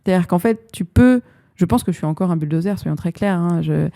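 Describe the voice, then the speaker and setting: Gravelly-voiced woman guest, thoughtful. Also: fairly low pitch, fairly quick, warm tone. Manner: reflective, searching for words. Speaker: guest HR director. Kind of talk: casual podcast interview.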